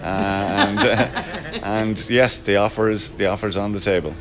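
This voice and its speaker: A man's voice: on the low side, fairly even intonation, a little slow, music in the background. A man running a pub, talking in a casual interview with many fillers and jokes. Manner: hesitant, many fillers, jokey. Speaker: Irish pub owner.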